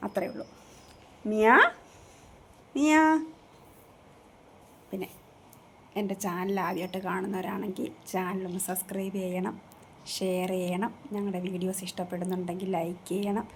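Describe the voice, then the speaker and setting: A woman's voice: medium pitch, gravelly, warm tone, slight background noise. A woman vlogging in a casual chat from a room at home, talking into a phone she holds herself, earnest and rambling, going over the same points again and again. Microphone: phone held in her own hand.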